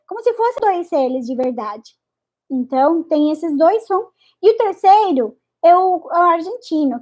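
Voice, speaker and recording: A woman gives a pronunciation lesson in a high voice. She speaks slowly and carefully, repeating each word several times and deliberately exaggerating how it is articulated. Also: darkish tone. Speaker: Spanish teacher.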